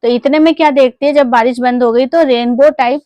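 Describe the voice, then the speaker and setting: A woman vlogger telling a moral story to her viewers in a chatty, casual way, full of small fillers, and she briefly acts out a child's excited calls to her mother. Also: high voice, a little fast, no echo. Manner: chatty, addresses viewers as friends, many fillers.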